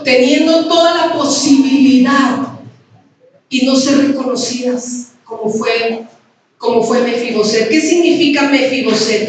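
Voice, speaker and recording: Mexican lady pastor preaching, high voice, super echoey hall, bit of hiss. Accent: Mexican Spanish. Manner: conversational, asks the audience questions. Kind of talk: sermon. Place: women's conference hall. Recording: very echoey hall, distant mic, faint noise.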